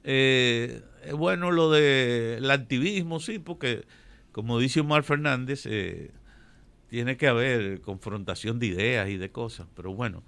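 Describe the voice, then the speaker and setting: A man giving political commentary on a radio show, measured and prone to correcting himself. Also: medium pitch, gravelly, fairly bright tone, smooth, no echo. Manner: measured, digressive, self-correcting.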